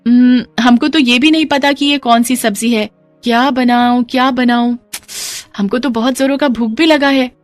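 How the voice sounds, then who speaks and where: A woman voicing a naive young foreign bride who speaks broken, ungrammatical Hindi in a high, childlike voice. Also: steady tone, normal speed, no room sound, soft background music, natural voice. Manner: broken Hindi grammar, wide-eyed.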